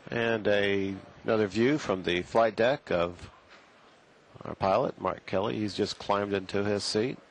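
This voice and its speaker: Low-voiced male launch commentator. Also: unhurried. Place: launch control firing room.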